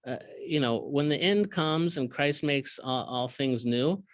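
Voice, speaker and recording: A man leading a Bible study as a priest, reading verses aloud and explaining them in casual asides, often clearing his throat. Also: on the high side, lively intonation, a little slow, dry recording. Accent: Southern American. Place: cathedral.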